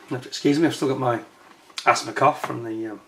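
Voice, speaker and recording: An older man from the United Kingdom hosts his own YouTube channel, chatting casually to camera and rambling with lots of fillers and restarts. His voice is mid-range and croaky, he has a chesty cough, and there's heavy background noise.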